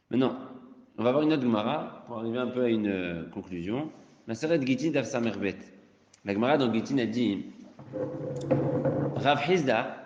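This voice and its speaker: A rabbi teaching an informal lesson, repeating key points and rising into emphatic bursts. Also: male voice, medium pitch. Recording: echoey hall, dull lo-fi sound.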